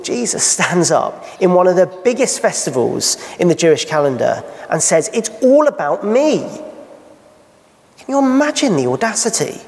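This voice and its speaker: A man's voice: fairly high pitch, vocal fry. A man preaching a sermon in church, asking rhetorical questions and painting vivid scenes. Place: church hall. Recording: long hall reverb.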